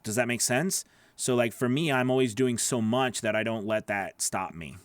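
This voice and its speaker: At a moderate pace and in a mid-range voice with no room sound, a nasal-voiced man in his thirties chats through a casual live Q&A. He is a voice actor working from a small indoor home studio with a large boom-arm studio mic, reading out viewer questions and repeating words.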